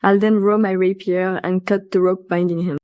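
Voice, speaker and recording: A woman's voice: on the low side, little pitch movement, moderate pace, darkish tone, dull audio. A woman playing a bard character in a tabletop game, matter-of-fact as she describes her actions. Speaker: player. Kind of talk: tabletop role-play.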